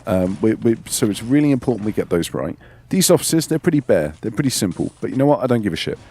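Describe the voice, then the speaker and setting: A man's voice: fairly low pitch, big pitch swings, fast, dark tone, husky. A man with a sore throat giving rambling, casual gameplay commentary as a let's play host, repeating words and tagging lines with "okay?".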